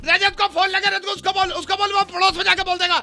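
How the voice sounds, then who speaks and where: A man on a prank phone call, playing a frantic caller who hurries and shouts orders while juggling two phones. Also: very high voice, flat delivery, fast talker, creaky, pitched above the performer's own voice, full character voice.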